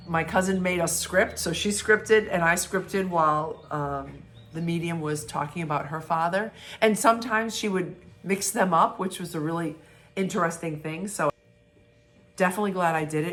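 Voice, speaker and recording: A middle-aged woman hosting a vlog, stuffy and congested, talking in halting, searching sentences. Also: fairly low pitch, fairly bright tone. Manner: halting, restarts, searching for words. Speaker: vlog host. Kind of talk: casual reflective vlog talk.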